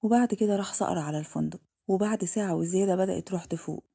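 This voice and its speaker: A woman's voice: fairly low pitch, gravelly, warm tone, breathy edge. A woman with an Egyptian Arabic accent narrating a dramatic story. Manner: rapid, plain reading.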